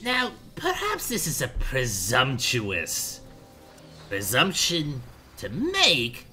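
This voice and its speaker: A man's voice: medium pitch, wildly swooping pitch, slow, pushed and bright, soft background music. A man giving playful, sarcastic let's-play commentary, making jokes and sing-song asides. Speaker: gaming commentator.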